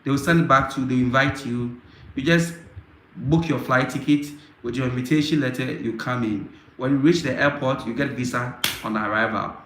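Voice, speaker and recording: A man from Africa hosting a casual live Q&A, answering viewer questions in a halting way with frequent fillers and repetitions. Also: mid-range voice, a bit bright. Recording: roomy echo, faint background noise.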